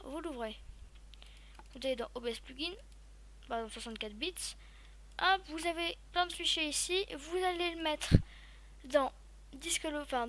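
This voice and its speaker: A woman giving a casual, chatty step-by-step software tutorial, talking loosely with lots of fillers. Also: sits high, slight background noise. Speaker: tutorial YouTuber.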